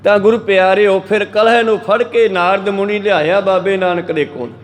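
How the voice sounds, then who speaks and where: A man's voice: sits high, steady tone, moderate pace. A man preaching with a Punjabi accent, explaining scripture through folksy stories and acting out the animals in them. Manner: folksy storytelling, acts out quoted animals in shifting voices. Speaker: Sikh preacher giving katha. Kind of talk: storytelling sermon exposition.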